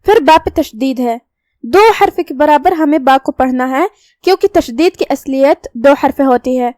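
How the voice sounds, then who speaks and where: Woman, recitation teacher, patient step-by-step explanations, high voice, dry close sound. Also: warm tone, no room sound. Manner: patient, explains each letter rule step by step. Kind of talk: tajweed lesson with slow recitation.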